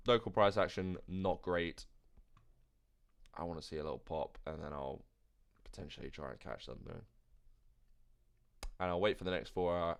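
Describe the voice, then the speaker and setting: A man hosts a live trading stream and thinks out loud as he works through his charts. His voice sits very low and carries a gravelly fry. He sounds tired, trails off mid-thought and turns to chat with his viewers. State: tired, yawning. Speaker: crypto trading livestream host. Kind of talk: casual live chart commentary.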